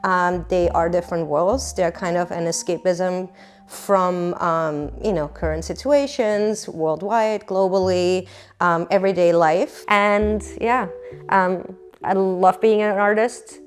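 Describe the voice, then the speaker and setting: A woman from Austria, an artist, speaking reflectively about her work with many pauses, fillers and restarts. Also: on the low side, slight background noise. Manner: soft-spoken, halting, many fillers and restarts. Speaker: painter. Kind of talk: reflective interview monologue.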